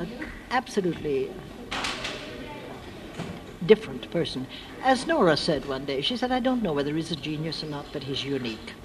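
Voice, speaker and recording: Noisy archive recording, very old woman, from the United States, animated intonation, halting delivery, literary interview. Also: low voice. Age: elderly, very old. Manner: hesitant, halting old lady, losing her thread at times. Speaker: interviewee, friend of the writer discussed.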